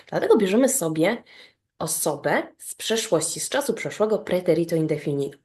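A woman teaching an online grammar lesson, explaining step by step and often checking that the listener follows. She spells out verb endings slowly and rhythmically. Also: fairly low pitch, darkish tone. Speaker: Spanish teacher.

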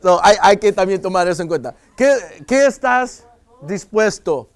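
High-voiced man lecturing parents, dry sound. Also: expressive, moderate pace, clear, resonant tone, dry recording. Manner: joking, acts out parents and kids in quoted voices. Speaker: police officer giving a talk to parents. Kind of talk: live lecture to an audience.

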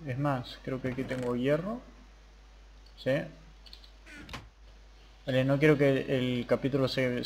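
A man's voice: mid-range voice, darkish tone, a little hiss or hum. A young man hosting a gaming channel, chatting casually through his gameplay and muttering to himself as he plays. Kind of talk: gameplay commentary.

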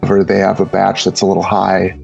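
A man's voice: low voice, monotone, fairly quick, creaky, dull audio, loud music behind the voice. A man talking casually as a brewer guest on an interview podcast, rambling with many repeated words and fillers.

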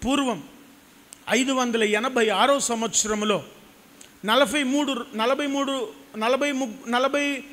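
A man's voice: very high-pitched, fairly even intonation, takes it slowly, long pauses, fairly bright tone. A man in his thirties with a Telugu accent, preaching an impassioned sermon into a handheld mic and repeating phrases for emphasis. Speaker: pastor. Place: church stage with a cross backdrop. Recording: hall reverb.

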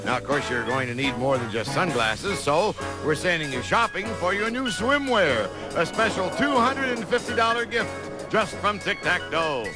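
A man's voice: fairly high pitch, animated, moderate pace. A man announcing the prizes on a TV game show, reading ad copy with polished, enthusiastic salesmanship. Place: TV studio. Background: loud music.

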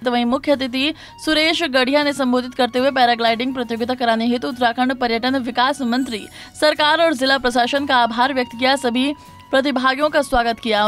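A woman reading a scripted Hindi news report as voice-over narrator in a formal, even tone. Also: high voice. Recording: voice-over with faint music behind.

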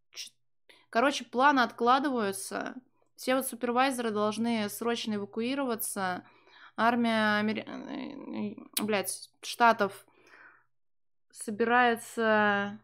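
Her voice high and fairly bright, a young woman provides casual live commentary on a game from a small home room, profane and sardonic as she chats to viewers and translates the game's lines in real time.

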